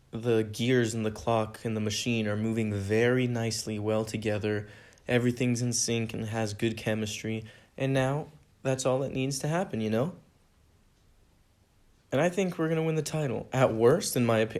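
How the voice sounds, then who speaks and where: A man's voice: medium pitch, a little mellow. A young man from America hosting a solo podcast, answering fan questions in an earnest, rambling way that repeats itself. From United States. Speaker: podcast host.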